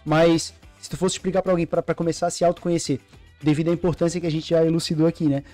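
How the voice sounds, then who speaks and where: A mellow-toned, somewhat high-voiced man hosting a podcast. He talks fast and loosely, with the odd joke, and strings out long questions, recorded dry and close. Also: soft background music. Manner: relaxed, joking, asks long questions. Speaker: podcast host. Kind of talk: casual podcast chat.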